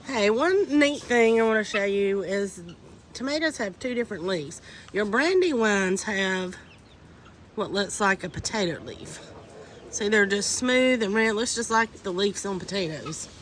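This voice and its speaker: Her voice is mid-range, expressive and unhurried, though stuffy from a cold. Out in the wind, the homesteading vlogger walks viewers through repotting seedlings in a chatty, homey, instructive way, and faint wind noise can be heard.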